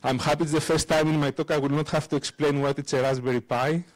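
At a conference, a man delivers a tech talk and live demo in a lecture room through a handheld microphone. He speaks haltingly in a slightly high, fairly even voice, with frequent fillers, restarts, and non-native phrasing.

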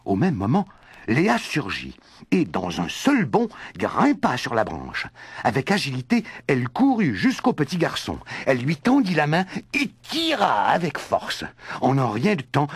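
A man's voice: mid-range voice, slightly rough, no echo. A man narrating a children's story in a scripted read-aloud style.

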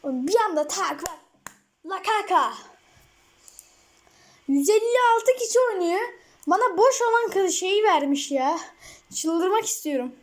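Brief: high-pitched woman, mobile gamer, rambling excitable commentary with outbursts. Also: unhurried, pauses often. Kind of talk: casual gameplay commentary.

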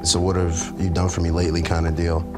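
A man's voice: deep voice, monotone, fast. A man in his twenties, a football player, chatting informally and reflectively indoors. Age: 20s. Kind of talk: casual video-call chat. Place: indoor lounge, seated on sofa. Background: music.

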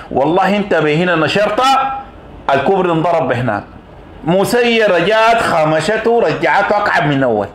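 A Sudanese man with a Sudanese Arabic accent delivering a combative, impassioned political monologue. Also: reverberant. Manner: combative, swings from low mutters to shouted taunts. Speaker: political commentator.

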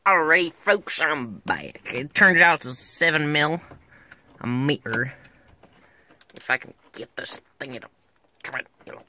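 A car-repair vlogger films himself on a handheld camera held close as he pulls speakers out of an old pickup, chatting casually in a joking, put-on twangy drawl. His mid-range voice is bright and forceful at a measured pace with long pauses, and he mutters and grunts while working in the cab. There's slight background noise.

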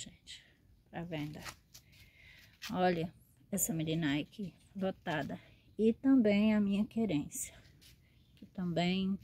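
A woman's voice: fairly low pitch, a little mellow. A woman, a succulent grower and seller, chatting fondly in a show-and-tell vlog and often checking in with her viewers.

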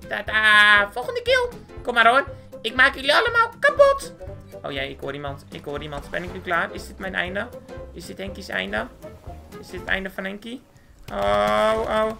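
A performer voicing a squeaky, hyper, cartoonish young male gamer, chattering boastfully through gameplay commentary. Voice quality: squeaky, swooping, with sudden high squeals. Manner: excitable, boastful, chatters nonstop at the screen. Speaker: game commentator.

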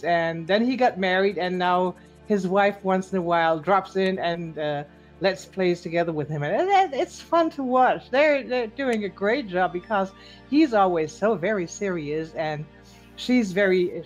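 A woman's voice: mid-range voice, darkish tone. Chatty woman interviewer on a dull line. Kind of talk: casual interview chat.

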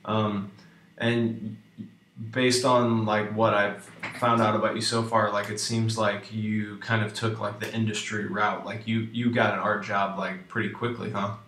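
A man hosting a podcast interview, talking in a relaxed, chatty way full of likes. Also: on the low side, unhurried, far from the mic, a little hiss or hum. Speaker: podcast host. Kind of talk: casual interview chat. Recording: roomy, away from the mic.

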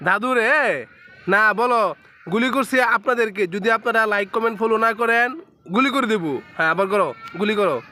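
A woman's voice: a little high, brisk, pushed and bright, slight background noise. A woman playfully coaxing a small child, asking him question after question in casual talk. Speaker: parent filming her toddler.

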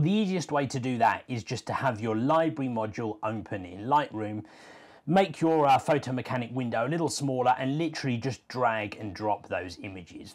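A man in his forties, a sports photographer, giving a casual step-by-step tutorial from a home studio, relaxed with small fillers. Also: medium pitch. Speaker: sports photographer teaching workflow. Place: home studio room with brick wall.

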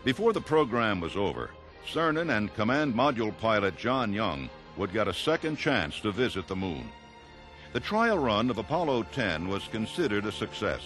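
A man giving scripted documentary narration in an even, informative way. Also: on the low side, normal speed. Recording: narration over clear music.

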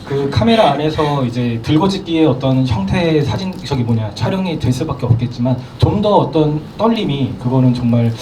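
A man's voice: fairly high pitch, lively intonation, a little fast, hardly any pauses, noisy background. A man moderating a film Q&A, asking long, roundabout questions with many hedges. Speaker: moderator of a screening Q&A. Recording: distant mic in a roomy theater.

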